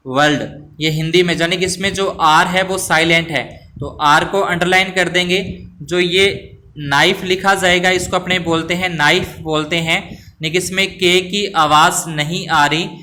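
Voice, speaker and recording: A man's voice: high-pitched, bright, forceful tone. A male teacher patiently explaining test answers, spelling words out letter by letter and mixing in English phrases. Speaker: school teacher.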